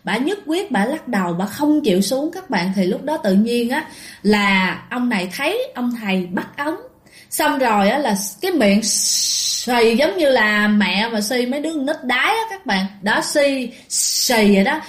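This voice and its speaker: A woman with a Southern Vietnamese accent telling ghost stories to listeners in a lively, animated way. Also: on the high side, unhurried. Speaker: ghost story narrator. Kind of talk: storytelling to listeners. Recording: echoey room.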